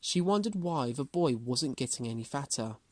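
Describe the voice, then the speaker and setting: A man's voice: mid-range voice, animated, moderate pace, no echo. A man reading a children's storybook aloud as a storyteller.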